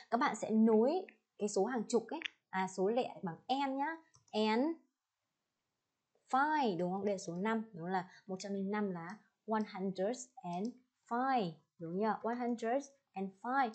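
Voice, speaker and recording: A young woman teacher with a Vietnamese accent, drilling English numbers and addresses slowly and checking in with her pupils. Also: mid-range voice, a little mellow. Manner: slow, clearly spelled-out English words, checks in with the class. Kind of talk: classroom lesson with drills.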